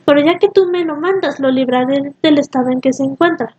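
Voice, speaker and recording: Woman reads a vengeful storybook king, high-pitched, muffled recording. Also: brisk, a little mellow, close to an everyday voice. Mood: scolding. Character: vengeful king feigning a weak voice.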